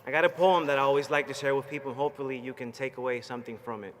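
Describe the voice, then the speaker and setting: A Puerto Rican man in his thirties, a Marine veteran graduate, races through a motivational commencement speech from a stage in a large ceremony hall. His medium-pitched voice holds fairly even intonation, yet he's fired-up, rousing, plainspoken and personal. A crowd, faint hiss and background noise sit behind long hall reverb.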